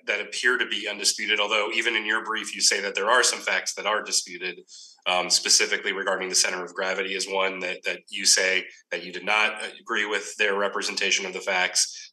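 A male judge with a low but very sharp, forceful voice questions carefully and formally. He qualifies each point as he goes. He sounds distant from the microphone. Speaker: appellate judge questioning counsel. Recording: distant microphone on remote hearing.

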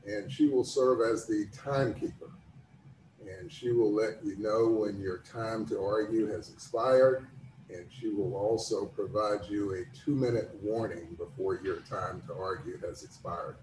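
An older man presiding as a judge, making formal procedural announcements in a measured, courteous, orderly manner. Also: fairly low pitch, darkish tone. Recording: roomy, distant mic with background noise.

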